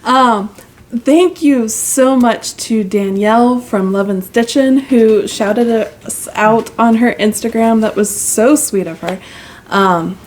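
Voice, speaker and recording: Chatty, giggly woman co-host at home, mid-pitch, phone mic with faint background hiss. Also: darkish tone. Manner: chatty, giggly, lots of ums. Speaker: co-host of a cross-stitch channel. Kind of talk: casual chat. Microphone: mic plugged into a phone.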